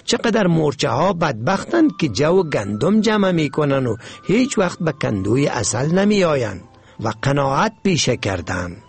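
A greedy, headstrong little ant, as a man puts him on in a storybook tale, raised above the narrator's own voice and shrill. He speaks, insistent and boastful, with a lively, swinging pitch. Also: soft background music. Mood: delighted. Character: greedy stubborn male ant craving honey.

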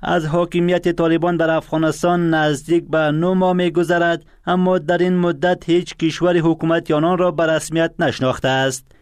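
A man with an Afghan Dari accent reading scripted news in a steady, formal way. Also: fairly high pitch, smooth, no echo, studio quality. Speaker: news anchor.

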